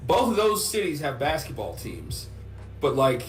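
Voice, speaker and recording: A man's voice: on the high side, huge pitch swings, normal speed. A man from Texas co-hosting a sports podcast, chatting casually and rambling with fillers. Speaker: podcast co-host. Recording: roomy sound from off mic, music underneath.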